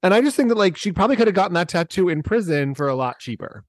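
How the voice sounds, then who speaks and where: A man's voice: high-pitched, expressive, quick pace, no echo, clean studio sound. A man co-hosting a casual gossip chat, dramatic and catty, dropping "like" into nearly every thought. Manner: peppers speech with "like". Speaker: co-host.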